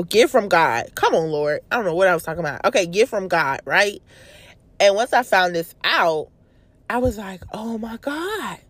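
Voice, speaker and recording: A young woman hosting a casual devotional talk, stumbling over her words at times and growing animated as she preaches. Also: fairly low pitch, no echo. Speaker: prayer video host.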